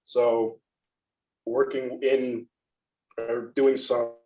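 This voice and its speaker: A young man with a flat, monotone delivery, speaking at a middle pitch. He is modest and soft-spoken, chatting casually in an interview and playing down his own skill. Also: drawn-out words, low-quality recording. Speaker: guest photographer.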